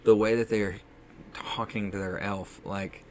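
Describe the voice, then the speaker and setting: A man's voice: fairly low pitch, fairly even intonation, unhurried, darkish tone, slight background noise. A man co-hosting a casual podcast, chatting enthusiastically and acting out quotes. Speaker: podcast co-host. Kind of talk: casual chat.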